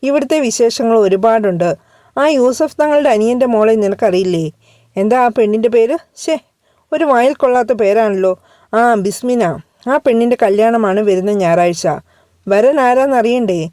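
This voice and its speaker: Woman reading a scheming storybook mother, sly and scornful, mellow dark tone, dry close sound. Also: fairly high pitch, moderate pace, no echo, natural voice. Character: scheming middle-aged mother, sly and gossipy.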